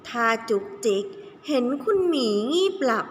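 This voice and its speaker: Her voice sits high with lively intonation as she reads at a measured pace. This kindergarten teacher stretches important words while telling an expressive story to small children, recorded in an echoey room with slight background noise.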